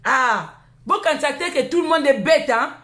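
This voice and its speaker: A woman's voice: high voice, expressive, measured pace, pushed and bright. Combative Congolese woman ranting on a live stream. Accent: Congolese French. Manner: combative, scolding, insulting. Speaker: livestream host. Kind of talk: heated live stream rant. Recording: echoey room.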